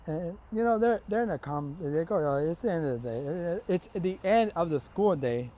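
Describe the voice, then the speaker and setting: A man's voice: fairly high pitch, animated, normal speed, dark tone. A man casually telling an improvised fan story, rambling and profane with many fillers.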